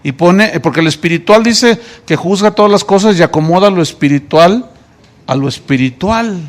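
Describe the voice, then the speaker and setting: A man's voice: sits high, expressive, normal speed. A male pastor with a Mexican Spanish accent preaching a sermon, often asking the congregation questions.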